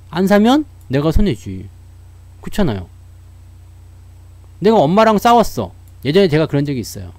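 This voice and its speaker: Male stock commentator, animated and chatty, higher voice, dry close sound. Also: dry recording. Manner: chatty storyteller who laughs often. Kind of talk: casual talk to viewers.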